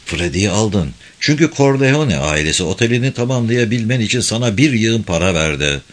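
A man reading the lines of a cold, calm young mafia boss in a measured way. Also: fairly low pitch. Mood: calm, firm.

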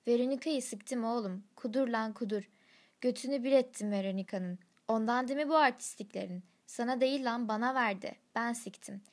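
A woman's voice: a little high, a little fast, lightly acted. A woman voicing a cocky young male bartender who swears crudely, then begs through tears. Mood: taunting. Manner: crude, swearing, tearful pleading.

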